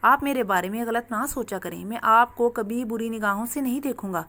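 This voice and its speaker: A soft-spoken eighteen-year-old boy in a spoken story, read by a woman. He sounds calm and reassuring and speaks matter-of-factly. The voice is on the high side. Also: a little fast. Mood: soothing.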